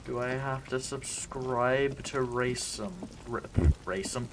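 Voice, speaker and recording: A man's voice: mid-range voice, fairly even intonation, slow, noisy background. A man giving casual gameplay commentary, thinking aloud and unsure of his choices. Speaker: game streamer.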